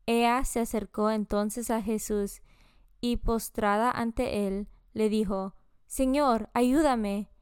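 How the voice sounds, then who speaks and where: A woman reading scripture and daily prayers in a measured, solemn devotional style. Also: medium pitch, flat delivery, darkish tone, smooth, no echo, clean studio sound. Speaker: scripture reader.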